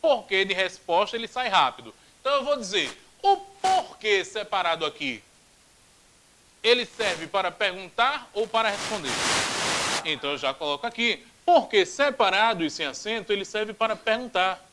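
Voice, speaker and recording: A man with a Brazilian Portuguese accent teaching a grammar video lesson. He is animated, repeats drills aloud and drops jokey asides. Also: sits high, moderate pace, slight background noise, poor audio.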